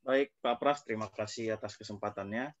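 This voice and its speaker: A man's voice: lowish voice, fairly quick, no room sound, muffled recording. A man speaking formally on a video call whose audio keeps glitching and cutting out. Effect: choppy, cutting-out video call audio. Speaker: university staff member closing an online session.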